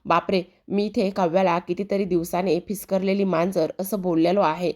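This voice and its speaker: A woman's voice: fairly low pitch, steady tone, normal speed, a little mellow, lightly acted. Fond young husband, as a woman reads him. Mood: indulgent.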